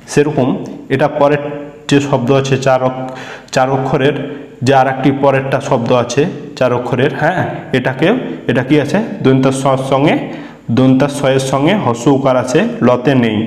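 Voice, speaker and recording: A man's voice: mid-range voice, a little mellow. A man teaching a beginners' reading class, patiently spelling out sounds letter by letter and repeating them. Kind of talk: spelling out syllables in a reading lesson. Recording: echoey room.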